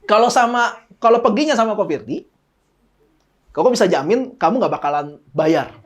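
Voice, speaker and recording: A man's voice: high voice, animated, normal speed. A man preaching a casual, joking sermon, acting out little dialogues. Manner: playful, jokey, acts out little dialogues. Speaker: pastor.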